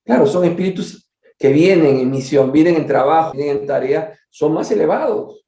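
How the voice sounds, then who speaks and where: A man leads a study session, reading a book aloud in a mellow, dark voice and breaking off for conversational asides to his listeners. The sound is dull and lo-fi, in a room with a noticeable echo. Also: on the high side, lively intonation, normal speed. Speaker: study group leader.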